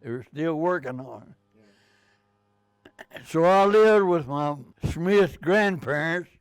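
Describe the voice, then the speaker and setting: A very old man, over a hundred, reminiscing in halting, plain-spoken short phrases. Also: on the high side, expressive, clear, resonant tone, no echo. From Texas, United States. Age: 102, very old man. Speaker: interviewee, World War Two veteran. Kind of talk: reminiscing interview talk.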